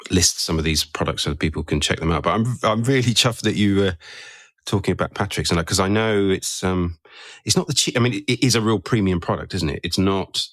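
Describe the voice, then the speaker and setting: Male podcast host, very deep voice, dry close sound, chatty with lots of tag questions. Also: fairly quick, fairly bright tone, dry recording. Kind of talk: casual interview chat.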